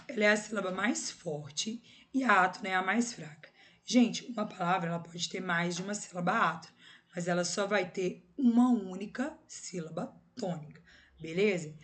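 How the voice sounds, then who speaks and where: In a recorded grammar lesson, a woman with a Brazilian Portuguese accent explains patiently, step by step, checking in with her students through short tag questions. Her pitch is medium.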